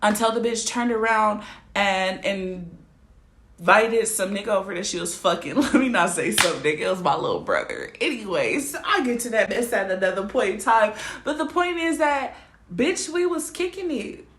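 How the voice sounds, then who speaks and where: A woman's voice: mid-range voice, expressive, normal speed, fairly bright tone. Blunt, profane young woman vlogging in a roomy space. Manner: blunt, profane and emphatic, often asking the viewer to agree. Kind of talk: casual storytelling rant to camera. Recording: roomy echo.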